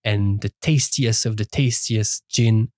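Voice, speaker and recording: Halting man, podcast co-host. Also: on the low side, darkish tone, dry recording, studio quality. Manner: halting, many uh fillers and restarts. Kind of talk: casual chat. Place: dry studio.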